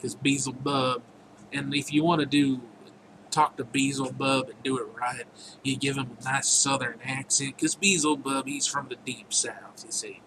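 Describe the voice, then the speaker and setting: Guy showing off his own game, rambly and jokey, mid-pitched voice, noisy hiss behind. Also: fairly even intonation, normal speed. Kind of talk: casual gameplay commentary.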